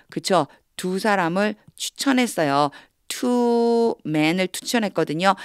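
A woman with a lowish voice and a Korean accent teaches English from Bible verses. She reads each English phrase slowly, then explains it in quick, patient bursts. The sound is dry and close. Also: no echo. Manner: explains patiently, asks and answers her own questions. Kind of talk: Bible English reading lesson.

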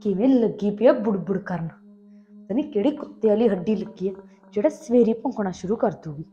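A woman's voice: sits high, fast talker, highs cut off, natural voice. A woman playing an aggrieved young wife who complains about her sister-in-law. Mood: grumbling. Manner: complaining, indignant. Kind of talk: Punjabi family sketch acting.

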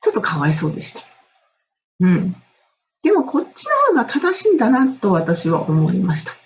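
A woman's voice: mid-range voice, very animated, a little fast, a little mellow, lo-fi sound, a little hiss or hum. A middle-aged woman from Japan, an English and music coach, telling a personal story in a casual, enthusiastic monologue and laughing often.

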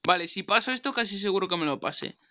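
A young gaming streamer from Spain commentates his gameplay brashly, swearing and arguing with someone off-mic. His high-pitched voice is expressive, fast, pushed and bright.

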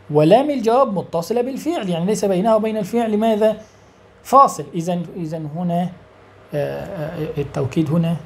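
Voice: mid-range voice, a little mellow. An Arabic grammar teacher, explaining step by step, asking questions and answering them, and stretching out example words. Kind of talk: explanatory lesson.

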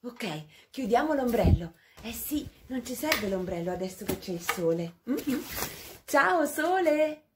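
A woman playing a cheerful, curious mouse girl who presents a children's puppet show, lively and exclaiming. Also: a little high, a little slow, noisy background.

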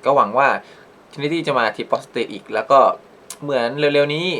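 Guy doing a casual reaction video, rambly and polite, keeps restarting sentences, average pitch. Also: unhurried, a bit bright. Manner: rambling, leans on fillers and restarts, polite phrasing. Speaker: reaction channel host.

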